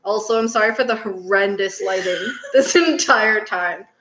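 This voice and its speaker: A woman's voice: medium pitch, moderate pace, roomy sound, noisy background. A young woman co-hosting a casual livestream, chatting in a rambling, apologetic way with frequent giggles, recorded on a laptop mic. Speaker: co-host of a livestream. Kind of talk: casual chat. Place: indoors, then outdoors in the evening.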